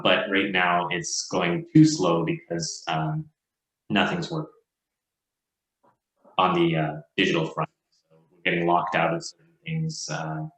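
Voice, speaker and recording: A man giving a manager's report at a meeting, speaking haltingly with many fillers while his video call audio cuts in and out. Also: sits low, a bit bright. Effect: video call audio cutting in and out. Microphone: computer on a video call. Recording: echoey room over a choppy video call.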